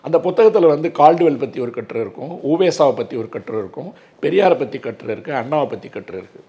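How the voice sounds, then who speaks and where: A man's voice: a little high, animated, fast, mellow. A man in his sixties, an advocate, speaking earnestly and emphatically in an interview, with a lot of filler words. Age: 60s.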